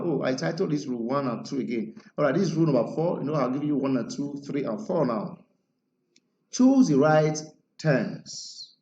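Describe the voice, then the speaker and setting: A man's voice: on the high side, a little mellow. A man teaching an English grammar lesson, emphatic and quizzing his listeners with rhetorical questions. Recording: roomy lo-fi recording with faint noise.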